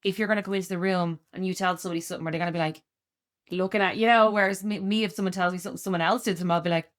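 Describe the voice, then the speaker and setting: Loud, giddy woman in her thirties. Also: fairly low pitch, steady tone, rapid-fire. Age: 30s. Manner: candid, laughs often, acts out quoted voices. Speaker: podcast co-host. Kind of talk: casual chat.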